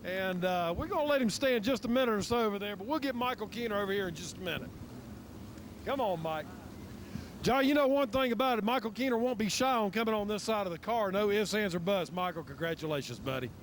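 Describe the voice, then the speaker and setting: A man's voice: high voice, lively intonation, quick pace, a little hiss or hum. A man interviewing a race winner at the track, folksy and hearty. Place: outdoor racetrack.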